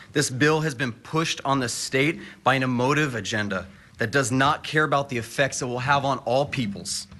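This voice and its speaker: A man's voice: mid-range voice, pushed and bright. A man in his late twenties giving firm, impassioned public testimony at a podium in a state capitol hearing room, posing rhetorical questions. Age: 20s.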